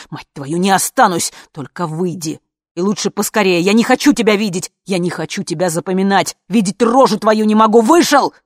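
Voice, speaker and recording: A woman voicing an agitated widow who rambles and shouts in a storybook. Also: medium pitch, no echo, studio quality, voice pushed up. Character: frantic wife and widow, middle-aged woman.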